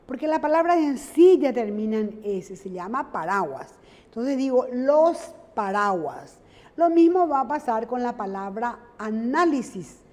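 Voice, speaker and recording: A high-pitched woman from Latin America gives a recorded grammar lesson. She talks slowly and patiently, stopping often to check that her students follow. The recording has a long reverb. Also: a little mellow. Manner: patient, explains step by step, checks in with "¿sí?". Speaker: teacher.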